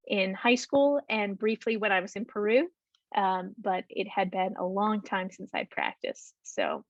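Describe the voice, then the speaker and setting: A medium-pitched woman hesitantly gives a travel talk and takes audience questions by video call, full of ums and false starts. The audio is dull, lo-fi video call sound without any room sound.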